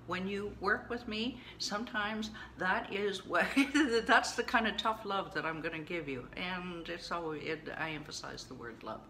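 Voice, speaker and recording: A woman's voice: fairly low pitch, sharp tone, a little hiss or hum, poor audio. A woman giving casual, chatty tough-love coaching to her viewers, with frequent asides and laughs. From Canada. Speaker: vlogger and coach. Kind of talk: casual talk to camera.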